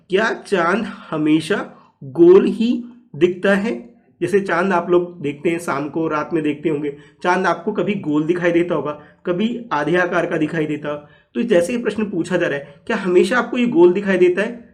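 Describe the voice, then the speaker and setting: Man, teacher, slightly high voice, patient, repetitive, explaining to small children. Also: a little mellow. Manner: patient, repeats "ठीक है" often. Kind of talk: class 1 lesson explanation.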